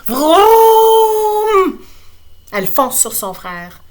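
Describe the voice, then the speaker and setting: A woman teacher with a Quebec accent reading a picture book aloud to her class, lively and expressive with playful asides. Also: mid-range voice, measured pace. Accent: Quebec French.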